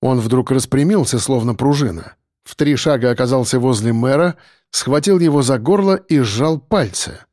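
A male narrator reads a story aloud in a steady, measured voice of middle pitch. The sound is close and dry. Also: no room sound. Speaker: audiobook narrator. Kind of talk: scripted narration.

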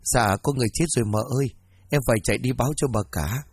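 A man voicing a panicked, hurried young maidservant in a storybook reading. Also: mid-range voice, breathy edge, no echo, close to an everyday voice.

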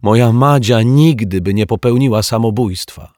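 A man voicing a tearful little girl who sniffles and speaks in a high, plaintive way. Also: lively intonation, takes it slowly, a little mellow, dry recording, studio quality. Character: weepy little girl mourning her caterpillar.

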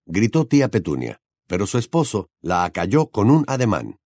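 A man narrating an audiobook in an expressive storytelling style. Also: lowish voice, moderate pace, no echo, studio quality.

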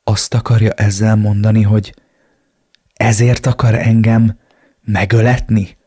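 A man's voice: on the low side, level tone, warm tone, slightly rough, no room sound, studio quality. A man reading an audiobook voices a young heiress who protests in a shocked, exasperated way. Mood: shocked indignation. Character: young heiress woman, frightened and indignant.

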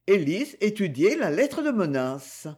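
A man reading a crime novel aloud as an audiobook narrator, in a dramatic, expressive way. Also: sits high, unhurried, husky.

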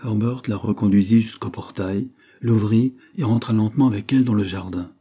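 Husky, low-voiced male audiobook narrator. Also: fairly quick, mellow. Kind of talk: scripted narration of a novel.

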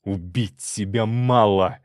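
A man narrator voicing a fiery, quick-tempered businessman husband who barks gruff threats. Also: fairly low pitch, no echo, studio quality. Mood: furious.

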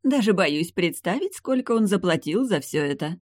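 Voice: mid-range voice, lively intonation, moderate pace, no room sound, voice pushed up, natural voice. Reader putting on fussy middle-aged mom, gushing, storybook, dry sound. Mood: thrilled. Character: doting excitable noble mother, middle-aged.

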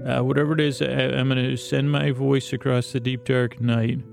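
A man hosting a sleep podcast in a slow, lulling, meandering monologue, full of pauses, restarts and self-corrections, with a creaky voice. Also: medium pitch, flat delivery, over music. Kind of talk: rambling bedtime monologue.

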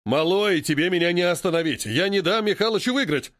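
A man's voice: sits high, expressive, a little fast, fairly bright tone, no echo, studio quality. A man voicing a hot-tempered old soldier who bellows at his rival. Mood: roaring.

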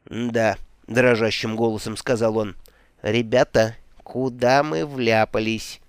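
A man's voice: fairly low pitch, little pitch movement, normal speed, clear, resonant tone, no echo, pitched below the performer's own voice, natural voice. A man voicing a frightened, tearful pirate captain who speaks in a trembling, pleading voice. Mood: shaken. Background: music.

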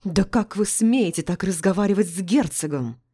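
A woman's voice: lowish voice, moderate pace, mellow, breathy edge. A woman reading the part of an indignant male footman in an audiobook, protesting shrilly.

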